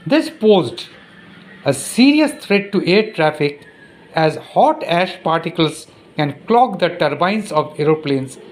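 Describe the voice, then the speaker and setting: Indian man reading a school textbook aloud. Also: on the high side. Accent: Indian English. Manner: reads slowly and repeats passages, stumbles over hard words. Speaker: teacher. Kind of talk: recorded classroom lesson, reading a textbook aloud.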